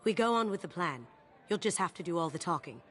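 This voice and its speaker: A woman's voice: lowish voice, lively intonation, quick pace, a bit bright. An actress voicing a playful female master thief in a video game, talking in a confident, conspiratorial way. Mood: sly. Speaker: game companion.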